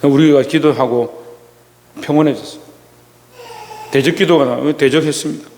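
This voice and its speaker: A male pastor giving a Sunday sermon, telling a personal story slowly with many pauses and restarts. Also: fairly high pitch, steady tone, darkish tone, long reverb tail, a little hiss or hum. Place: church sanctuary.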